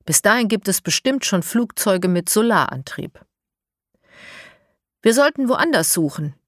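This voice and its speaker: A woman's voice: medium pitch, unhurried, no echo, studio quality. A woman voicing a curious, handy young girl in a children's audiobook. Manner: lively, curious.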